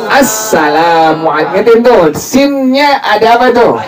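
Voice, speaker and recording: High-voiced man drilling a study group. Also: animated, a little slow, a crowd in the background. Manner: drilling, repeats points and quizzes the listeners. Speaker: religious teacher. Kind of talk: teaching prayer practice to a study group. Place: evening religious study gathering. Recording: distant mic with a group audible.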